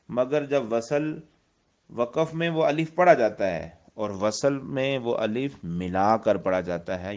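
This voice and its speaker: A man with a Pakistani Urdu accent and a medium-pitched voice, its high frequencies cut off, teaches a religious lesson on Quranic script. As a Quran teacher, he explains step by step, repeats his points, and recites Arabic verses.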